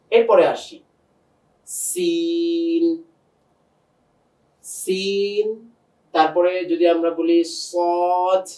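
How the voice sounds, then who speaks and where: A man teaching pronunciation, patiently repeating each sound and drawing it out slowly to show how it is made. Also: a little high, darkish tone, distant mic. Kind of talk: pronunciation lesson. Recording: echoey room, voice set back from the mic.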